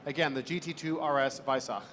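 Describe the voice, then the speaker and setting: A man's voice: fairly high pitch, fairly even intonation, fairly quick, a bit bright. A man announcing auction lots, formally reading out specifications. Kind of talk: formal spec read-out. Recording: faint background noise.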